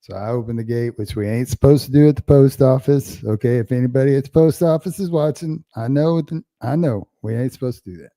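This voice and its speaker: Mellow-voiced man telling stories casually. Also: medium pitch, brisk, few pauses. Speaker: podcast co-host. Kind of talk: casual chat.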